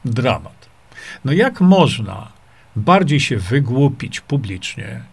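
Man, middle-aged, livestream host, gravelly voice, mid-pitched, rambling, dismissive, reads comments aloud. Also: big pitch swings, slow pace. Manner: rambling, dismissive, with frequent fillers and repeated rhetorical questions. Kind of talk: casual livestream talk, reading viewer comments.

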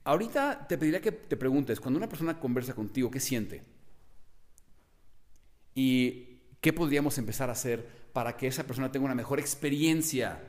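A young man coaching social skills in a lively, expressive teaching monologue that varies his tone and volume. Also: medium pitch, brisk. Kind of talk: motivational teaching monologue to camera.

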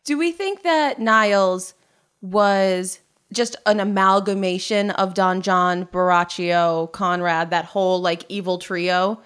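A woman's voice: medium pitch, slow pace, fairly bright tone, clean tone. Chatty woman podcaster musing aloud. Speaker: podcast co-host. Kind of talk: casual chat.

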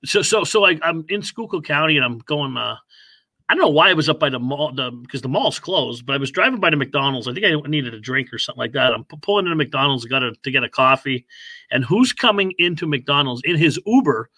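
A man's voice: a little high, lively intonation, fairly quick, bright, forceful tone, dry recording. A middle-aged man co-hosting a podcast, telling rambling stories full of restarts in casual chat. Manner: rambling storyteller with many restarts. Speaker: podcast co-host.

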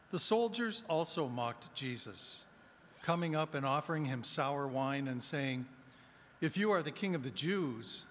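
A man serving as deacon, reading the Gospel and preaching a homily in a measured, deliberate way, his voice carrying a cathedral-like echo in a large church. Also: on the high side, fairly bright tone. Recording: long church reverb, faint room noise.

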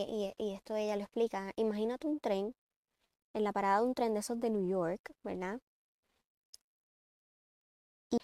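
A woman's voice: mid-range voice, dry recording. Lady talking parenting, earnest, dry close sound. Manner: earnest, advising, shifts between calm and emphatic. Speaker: parenting speaker. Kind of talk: reflective talk on a book.

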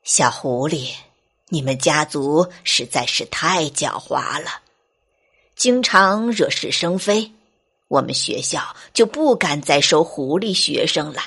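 An old bearded goat who teaches school, stern and fussy, speaks from the pages of a bedtime storybook, voiced by a woman reading aloud. His voice sits low and deliberate, with a slow, teacherly weight. A soft breathiness runs under it. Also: animated, creaky, breathy edge, heavily acted. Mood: stern, sighing.

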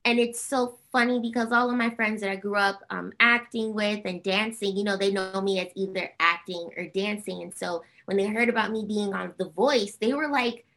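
A woman's voice: mid-range voice, fairly even intonation, normal speed, hardly any pauses, a bit bright. A woman from the eastern US giving casual, effusive answers as an interview guest. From Harlem and New Jersey, US. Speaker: interview guest, singer and actor.

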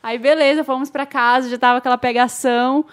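Brazilian woman, higher voice, animated storyteller, casual podcast chat. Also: brisk. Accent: Brazilian Portuguese. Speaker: podcast co-host.

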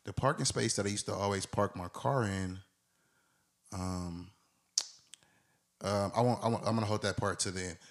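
Young dude w/ a low voice on a podcast, telling a story, acting out the other people in it. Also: male voice, normal speed, long pauses. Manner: animated storyteller, acts out voices in his story. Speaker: podcast co-host. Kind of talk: casual storytelling chat.

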